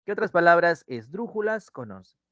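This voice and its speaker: A man teaches an online language class with a Peruvian Spanish accent, his voice high-pitched, fairly bright and full of big pitch swings. He draws words out and checks in with students through "¿no?" and "ujú". Recorded on a dry close mic without echo, the sound is dull and muffled.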